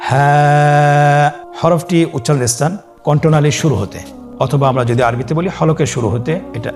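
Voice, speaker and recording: A man teaching Quran reading step by step, stretching each letter name for listeners to repeat. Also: a little high. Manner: drawn-out, sung letter names for listeners to repeat. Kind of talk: scripted lesson on Arabic letters.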